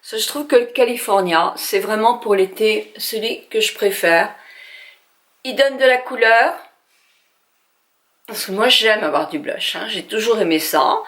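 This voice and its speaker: A woman's voice: medium pitch, measured pace, a bit bright. Older woman, casual beauty vlog, chatty, hesitant, talks to viewers, at home. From France. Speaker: beauty vlogger. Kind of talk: casual makeup tutorial.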